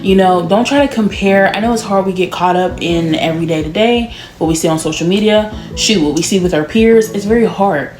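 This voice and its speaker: A woman in her late twenties chatting casually to camera as a vlogger, with drawn-out words and laughs. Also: medium pitch, a little mellow. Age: 20s. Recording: echoey room with faint music.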